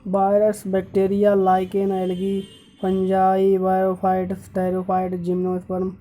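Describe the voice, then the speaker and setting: A teacher reads a syllabus aloud, going through the topics one at a time and pausing to correct errors. The voice is very dark and mellow and stays almost completely level in pitch. The delivery is slow and unhurried. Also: completely flat delivery. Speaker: YouTube teacher. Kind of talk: reading out an exam syllabus.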